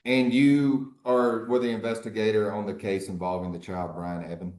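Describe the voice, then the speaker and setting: A man speaking as an attorney in a courtroom recording, formally questioning a witness in a measured, halting way. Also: fairly low pitch, steady tone, darkish tone, roomy sound. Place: courtroom hearing.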